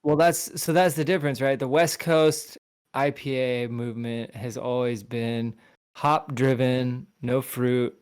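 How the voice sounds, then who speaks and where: A man's voice: mid-range voice, fairly even intonation, unhurried, clear, resonant tone. A man co-hosting a casual podcast, explaining at length with lots of fillers. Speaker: podcast co-host. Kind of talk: casual chat.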